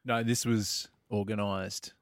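A man's voice: fairly low pitch, flat delivery, slow, no echo. Australian man in dry, casual radio chat. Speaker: radio show team member.

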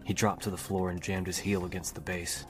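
A man reading a novel aloud as an audiobook narrator, telling the story in a steady, even way. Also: deep voice, brisk. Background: music.

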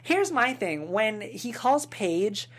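A woman's voice: fairly high pitch, very animated, slow. A woman co-hosting a podcast, chatting casually and leading the discussion with questions. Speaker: podcast co-host. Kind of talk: casual chat.

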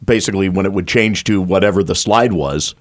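A low-voiced male radio co-host with a dry, wry delivery. He chats loosely in a studio, trading quick remarks. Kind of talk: casual sports radio banter.

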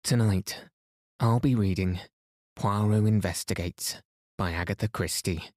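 A man narrating a sleep story in a calm, soothing and gently guiding manner. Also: fairly low pitch, a little slow, dry recording, clean studio sound. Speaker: sleep podcast host and narrator.

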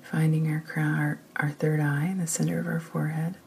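A woman leading a guided meditation in a soft, often whispered, slow and soothing voice. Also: low-pitched, little pitch movement, creaky, a little hiss or hum.

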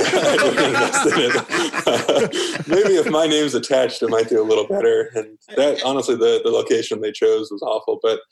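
A man talking as a guest in a casual chat, telling laid-back, wry stories. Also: mid-range voice.

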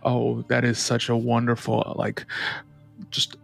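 A man voicing a glamorous, effusive female high elf noble who gushes compliments at everyone. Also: completely flat delivery, slow, vocal fry, heavily acted. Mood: gushing. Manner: gushing, showering compliments.

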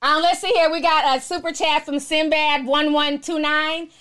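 A very high-pitched woman talks casually as host of her own live stream. She is sassy and outspoken, answering commenters bluntly and with plenty of slang. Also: fairly even intonation, normal speed, fairly bright tone.

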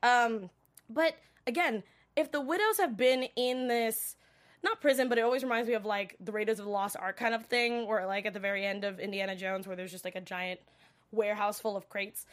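A woman's voice: medium pitch, brisk. A woman getting over a cold, chatting casually and rambling with many fillers as she reacts to a show and reads viewer comments. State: recovering from a cold, coughing. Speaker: livestream show recap host.

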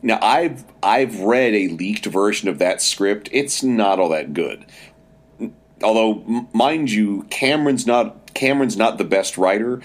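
A man's voice: fairly low pitch, lively intonation, unhurried. A man co-hosting a podcast in casual film talk, stopping and starting as he goes. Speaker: podcast co-host. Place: hotel room. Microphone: outdated recording equipment.

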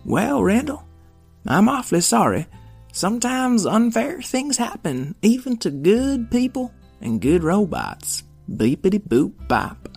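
A man voicing a kind, wise old male robot in a bedtime story, giving slow, gentle advice sprinkled with playful beeps. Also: sits high, big pitch swings, gravelly, husky, soft background music, pitched above the performer's own voice, full character voice. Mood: kindly.

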